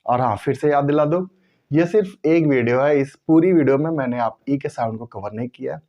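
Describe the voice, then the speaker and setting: A man teaching English pronunciation in a slow, repetitive way, drawing out the example words. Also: mid-range voice, lo-fi sound. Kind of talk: explanatory lesson to viewers.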